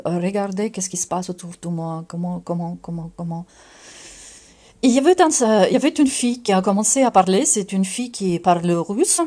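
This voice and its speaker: A middle-aged woman from Ukraine with a Ukrainian accent, giving an earnest personal religious testimony in a halting way, full of fillers and restarts. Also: medium pitch, dark tone.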